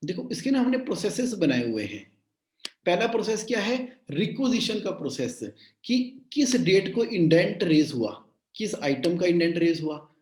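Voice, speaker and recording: A man coaching business owners in a live online session, animated and repeating his phrases, mixing English into his talk. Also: high voice, echoey room. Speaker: cash flow coach.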